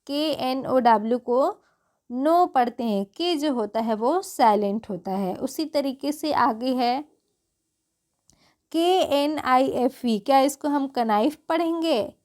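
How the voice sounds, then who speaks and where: A high-pitched woman with a Hindi accent gives a beginner's phonics lesson. She speaks slowly, spelling out each word one letter at a time. Then she poses a question and answers it herself. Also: a little mellow. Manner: spells words letter by letter, asks and answers her own questions. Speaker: English teacher.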